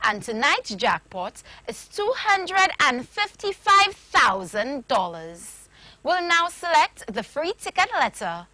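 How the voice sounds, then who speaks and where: High, bright young woman hosting a lottery draw. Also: big pitch swings, slow, no echo. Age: young adult. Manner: formal, clearly announced phrasing. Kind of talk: scripted TV lottery draw presentation. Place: TV studio.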